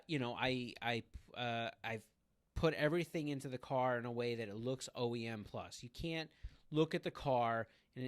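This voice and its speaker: A man's voice: mid-range voice, clean tone. A man co-hosting a car podcast in casual chat, rambling with many fillers and restarts. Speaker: podcast co-host.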